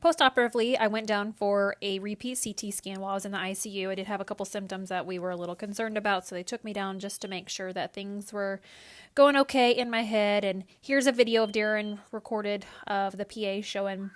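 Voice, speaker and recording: A woman's voice: medium pitch, fairly even intonation, fairly quick, pauses often. Woman explaining in vlog narration. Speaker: vlogger recounting her recovery.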